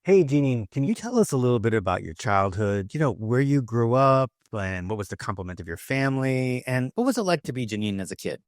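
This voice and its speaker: A man hosting a podcast interview, asking casual, friendly questions with lively jumps in his voice. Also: medium pitch, fairly quick, hardly any pauses, no room sound, clean studio sound. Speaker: podcast host.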